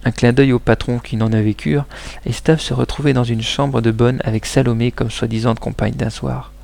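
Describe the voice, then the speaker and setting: A man narrating a noir detective audiobook in a steady, measured way. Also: mid-range voice, gravelly. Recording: reading with music behind. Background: background music.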